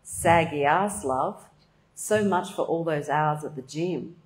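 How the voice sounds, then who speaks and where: A woman's voice: low-pitched, slow pace, rough recording. A woman putting on a brash, cheeky young woman. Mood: mocking.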